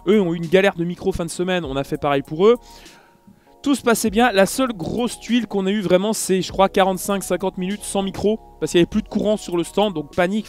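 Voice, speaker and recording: Male vlogger, higher voice, chatty storyteller who plays out each exchange, faint music bed. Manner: animated, acts out dialogue, many fillers. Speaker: YouTuber recounting an event. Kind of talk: casual storytelling vlog.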